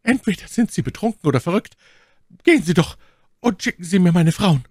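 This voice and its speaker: A man voicing a scheming, cornered noblewoman in an audiobook reading, with shrill, indignant outbursts. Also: very animated, a little slow, darkish tone, dry recording, studio quality. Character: scheming, cornered noble woman, haughty and fierce.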